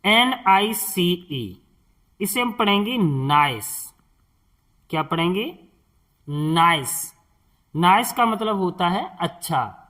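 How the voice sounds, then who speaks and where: Slow, patient high-voiced teacher. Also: male voice, expressive, sharp tone. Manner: slow and patient, spells out words letter by letter and asks the viewer questions. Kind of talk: spoken English lesson for beginners.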